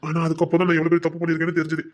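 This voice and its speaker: A man's voice: on the high side, completely flat delivery, racing, lightly acted. A man with a Tirunelveli Tamil accent playing a remorseful young husband who tenderly coaxes his pregnant wife in a domestic drama. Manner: tender, pleading, coaxing. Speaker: actor in a web series. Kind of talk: emotional domestic drama acting.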